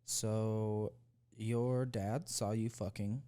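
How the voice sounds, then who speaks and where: A man's voice: on the low side, little pitch movement, very slow, mellow. A young man co-hosting a podcast, telling a heated, profane story in casual chat. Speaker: podcast co-host.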